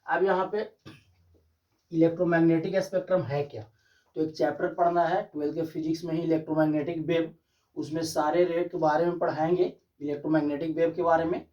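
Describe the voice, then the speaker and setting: A man's voice: on the high side, level tone, a little fast, darkish tone. Man teaching physics, distant dull sound. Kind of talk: classroom lecture. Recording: dull distant classroom recording.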